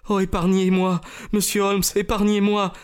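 Desperate noblewoman voiced by a man, raised pitch, pleading, emotional, storybook reading. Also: brisk, lightly acted. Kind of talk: audiobook character voice.

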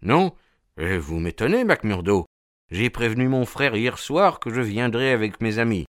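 Nervous fussy gentleman, read by a man, anxious and hurried, audiobook, dry sound. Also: medium pitch, animated, no room sound, voice pushed up, lightly acted. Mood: indignant.

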